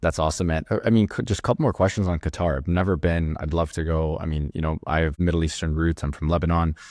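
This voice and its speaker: A man hosting a podcast interview from Canada, talking in a hyped, slangy, energetic way. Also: very deep voice, quick pace, no echo, studio quality. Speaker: podcast host.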